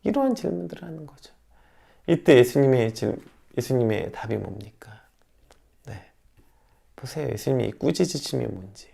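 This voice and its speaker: Male pastor, sermon delivery, lively pitch with a gravelly edge, loud-to-whisper swings. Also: moderate pace, long pauses. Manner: swings from loud emphatic questions to hushed near-whispers; preaches in rhetorical questions to the congregation.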